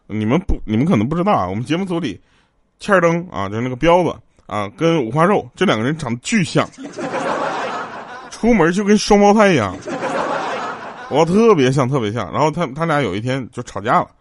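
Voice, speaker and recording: Male comedy host, laughing through quick anecdotes, acts out characters, faint hiss behind. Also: on the high side. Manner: chuckles often while telling jokes; quotes characters in raised, lively voices. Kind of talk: joke-telling comedy chat.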